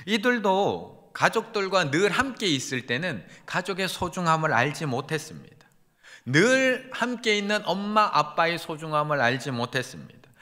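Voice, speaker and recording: A man's voice: a little high, sing-song, moderate pace, sharp tone. A man preaching a Sunday sermon as pastor, earnest, building emphasis as he goes. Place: church sanctuary. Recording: reverberant church sanctuary.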